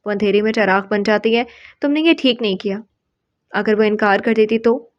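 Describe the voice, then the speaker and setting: A woman's voice: medium pitch, no echo, dull audio, close to an everyday voice. Woman reading as a firm, caring young woman. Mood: reproachful.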